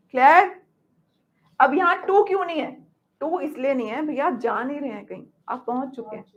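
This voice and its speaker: A woman's voice: sits high, muffled recording. A woman teaching English grammar, mixing Hindi and English and checking in with "okay?" after each example. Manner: explains by example sentences, often asks "okay?".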